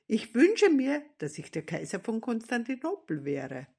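Woman playing an eager, boastful little jester lad with a bright, raised voice and a husky edge. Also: a little high, huge pitch swings, unhurried, pitched above the performer's own voice, full character voice. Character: cheeky excitable puppet jester boy.

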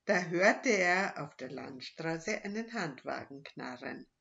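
A woman reading a children's story aloud with dramatic, lively delivery. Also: low voice, takes it slowly, gravelly. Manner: lively, dramatic rises in tension. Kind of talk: expressive audiobook reading. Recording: dull lo-fi sound.

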